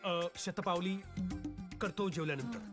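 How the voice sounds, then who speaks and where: An actor playing a glib, joking young man who covers for his friends in a film comedy. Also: sits high. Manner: glib, joking, quick to agree. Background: film score music.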